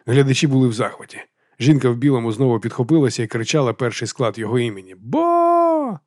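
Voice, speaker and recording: Man, audiobook narration, steady delivery, middle pitch, dry close mic. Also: rapid-fire, no echo. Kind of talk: audiobook reading of a novel.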